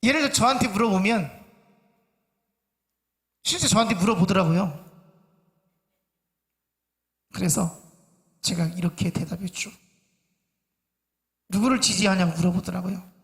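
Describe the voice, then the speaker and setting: A male pastor preaching a sermon to his congregation, in a slow, measured way with many pauses. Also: high voice. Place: church sanctuary. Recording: church hall reverb.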